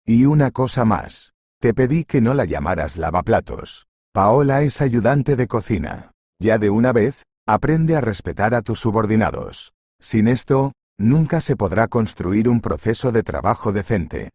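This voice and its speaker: A man's voice: lowish voice, expressive, measured pace, darkish tone, husky, no echo, clean studio sound, heavily acted. A man voicing a stern, fair-minded male restaurant boss who speaks firmly in a storybook reading. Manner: firm, corrective.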